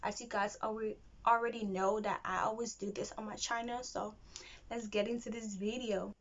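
A woman's voice: mid-range voice, flat delivery, normal speed, highs cut off. A young woman, talking casually to camera as a vlogger hosting her own channel. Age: young adult. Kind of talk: casual direct-to-camera vlog talk.

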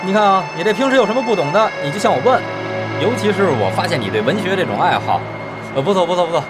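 An actor playing a boastful, flirtatious engineer who pleads and justifies himself in a TV drama. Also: male voice, sits high, animated, quick pace, over loud music. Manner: smooth-talking, pleading, indignant. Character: boastful philandering male engineer, self-justifying. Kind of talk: TV period drama acting.

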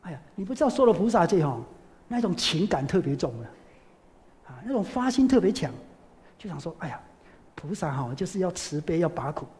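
A Buddhist teacher giving a sermon, telling a story with lively, sighing interjections. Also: medium pitch, a little fast. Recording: long hall reverb.

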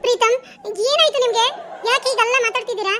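A woman's voice: very high voice, fast, fairly bright tone. A woman voicing a jilted young woman in a cartoon drama, pleading and indignant. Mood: hurt. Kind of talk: cartoon dubbing.

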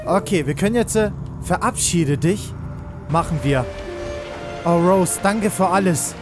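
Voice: mid-range voice, unhurried. Casual let's player over game music. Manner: reacts aloud to the game, addresses viewers. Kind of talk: casual gameplay commentary.

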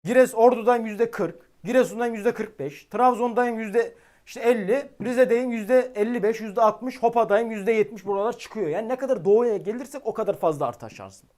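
A man giving live-stream weather commentary, excitable and exasperated, talking directly to his chat. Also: high voice, normal speed.

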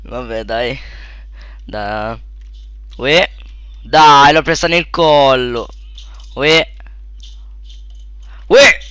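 A young man giving casual let's play commentary, shouting at sudden deaths and then muttering quietly to himself, close to a desk mic. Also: very slow, pauses often, clean tone. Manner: excitable, yelps and shouts at in-game deaths, then mutters low.

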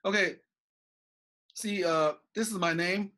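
His voice is high and sharp, and he speaks slowly. He's a middle-aged Chinese professor with a Chinese accent, recording a class lecture on his desk webcam in a small office with bookshelves, gesturing and leaning on "okay?" and "uh" fillers.

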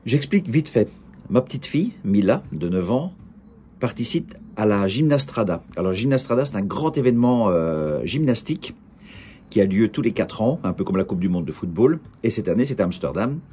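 A man's voice: lowish voice, big pitch swings, moderate pace, warm tone, slight background noise. A middle-aged man with a Belgian French accent, chatting in a rambling, jokey way, vlogging from an outdoor café terrace. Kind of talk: casual direct-to-camera monologue.

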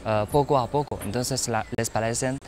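A young man in his twenties from China with a Chinese accent, a Mandarin teaching assistant speaking Spanish as a second language. He talks carefully and haltingly, pausing to search for words. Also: mid-range voice, steady tone, darkish tone, slight background noise. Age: 20s. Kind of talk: interview answers. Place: outdoors on a university campus.

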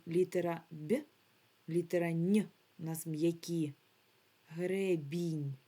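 A woman's voice: on the low side, dark tone, slightly rough. A woman teaching a remote phonics lesson to young children, drawing out each word carefully and modeling the sounds for the class to repeat. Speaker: primary school teacher.

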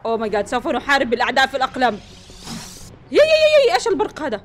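Rapid, excitable Levantine woman gamer. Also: sits high. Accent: Levantine Arabic. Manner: excitable, panicky bursts of repeated words. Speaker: gaming channel host. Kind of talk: let's play commentary.

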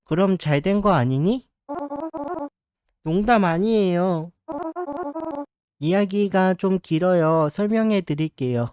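A man's voice: high voice, slow, pauses often, darkish tone, smooth, dry recording, faint music behind. A man reading the game lines of a frightened young child who begs his parents to stop. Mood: anxious.

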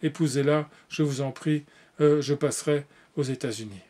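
A man's voice: fairly high pitch, normal speed, dark tone, lightly acted. Tristan, an honorable young man, read by a man. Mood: earnest. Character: young man, honorable, torn, betrothed brother.

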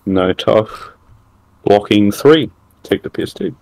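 A man's voice: fairly low pitch, animated, slow pace, creaky, a little mellow. A man calling out his moves as the opponent in a card game, terse, dry and matter-of-fact.

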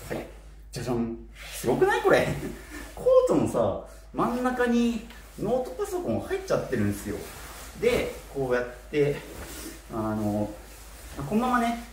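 A man in his twenties from Japan chatting casually to camera, his articulation slightly slurred as if wearing a mouthguard. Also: mid-range voice. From Kitakyushu, Japan. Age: 20s. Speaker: vlogger. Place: small bare apartment room, indoors. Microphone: camera a short distance away. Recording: roomy echo with faint noise.

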